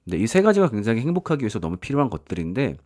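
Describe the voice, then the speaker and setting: A man's voice: mid-range voice, very animated, very fast, a little mellow, no room sound, clean studio sound. A man preaching a sermon in a conversational storytelling way, acting out the voices in the stories he tells. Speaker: pastor.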